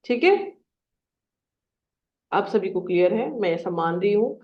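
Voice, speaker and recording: A woman teaching law to a class, explaining in Hindi mixed with English and slowly reading out legal text. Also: medium pitch, animated. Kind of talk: classroom lecture. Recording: dull sound in a roomy classroom.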